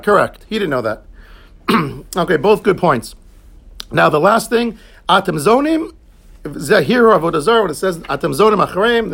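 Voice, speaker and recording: A man's voice: sits high, creaky, a bit bright. A man teaching a Talmud class, explaining each term in English and answering his students. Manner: explains terms in English, quick asides to students.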